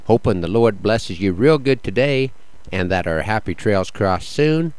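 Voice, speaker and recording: A low-pitched man hosts a cowboy poetry program. He delivers scripted narration and verse in a folksy, sincere manner. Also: lively intonation, a little slow, darkish tone, smooth, dry recording. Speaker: radio program host and cowboy poet.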